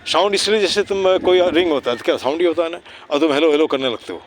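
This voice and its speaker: A man with a slightly high voice talks fast amid some background noise while teaching kids outside by a city park. As a neighbourhood cleanliness volunteer, he keeps it casual, blends English into his Hindi, recites rhyming slogans and checks in with constant tag questions.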